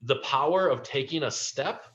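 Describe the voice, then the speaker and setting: A man's voice: mid-range voice, normal speed, fairly bright tone, dull audio. A man co-hosting a casual recap, talking through performers with encouraging, rambling remarks and plenty of fillers. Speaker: improv league coach and co-host.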